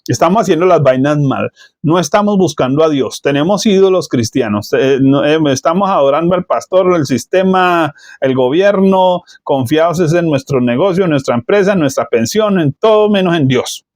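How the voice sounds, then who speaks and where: Colombian preacher, conversational and punchy. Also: male voice, moderate pace, no room sound, clean studio sound. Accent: Colombian Spanish. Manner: conversational preaching, rhetorical questions, lively jumps in pitch. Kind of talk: sermon.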